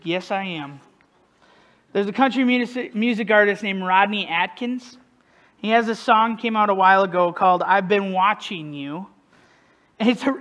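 Male pastor with a high, light voice; casual, self-deprecating sermon delivery. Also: bright, forceful tone. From northern United States. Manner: conversational, self-deprecating, asks the congregation questions.

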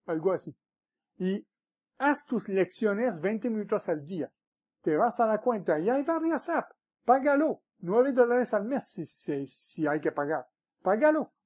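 A man's voice: sits high, darkish tone. A man speaking as a mentor in a motivational vlog, emphatic and repeating words for stress, with frequent restarts. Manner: restarts and stumbles often.

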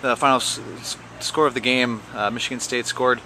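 A man interviewing a soccer coach after a game outdoors, asking halting questions with many restarts. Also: mid-range voice, fairly even intonation, noisy background.

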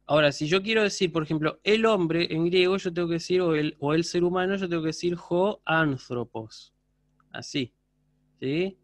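Male university lecturer, higher-pitched, patient explainer on a video call, dry sound. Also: a little fast, no room sound. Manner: patient, explanatory, checks understanding with frequent questions. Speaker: university teacher. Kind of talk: online class lecture.

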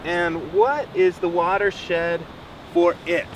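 A man's voice: sits high, flat delivery, takes it slowly. A man in his thirties teaching outdoors on a beach, explaining step by step and encouraging his student. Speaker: rainwater harvesting teacher. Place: sandy beach outdoors by the surf. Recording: distant outdoor mic with surf noise. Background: waves and wind.

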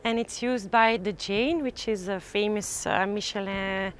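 On a lapel mic with slight hiss or hum, a woman with a mid-range voice gives a casual tour of a rooftop farm. She speaks in fits and starts, with many "uh" fillers and restarts.

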